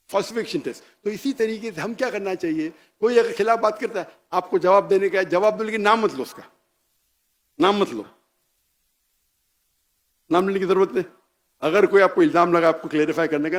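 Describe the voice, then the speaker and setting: A man's voice: high-pitched, normal speed, long pauses. A man giving a public religious talk, emphatic and challenging, firing off rhetorical questions and dropping in English phrases. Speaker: Islamic preacher.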